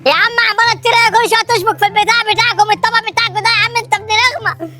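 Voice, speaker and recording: A performer voicing a cheeky, easily frightened little boy in an Egyptian Arabic comedy skit, with a squeaky whining voice that swings from bragging to panic. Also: rapid-fire, over loud music. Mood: furious. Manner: squeaky, boastful then panicky, cursing in a high whine.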